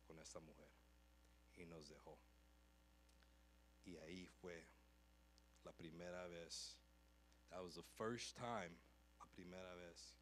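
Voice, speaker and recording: A man's voice: low voice, a bit bright, a little hiss or hum. Man, church preacher, personal testimony, emotional, switches languages line by line. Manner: switches between Spanish and English line by line, emotional storytelling. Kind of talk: bilingual sermon testimony. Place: church sanctuary.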